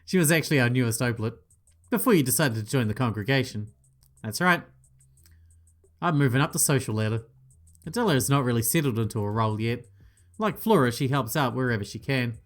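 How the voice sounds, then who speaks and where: This gaming channel host has a medium-pitched voice with lively intonation, speaking fairly quickly but leaving long pauses. Playing a visual novel, he reads all the parts, voices each character, and adds playful, sometimes profane asides.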